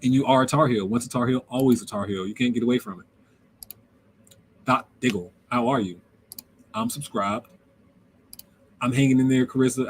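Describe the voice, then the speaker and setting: A young man hosting a casual live Q&A, reading viewer comments aloud and answering them in a relaxed, slangy way, laughing often. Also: mid-range voice, a little hiss or hum. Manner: relaxed, conversational, drops words into everyday slang. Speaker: livestream host reading chat.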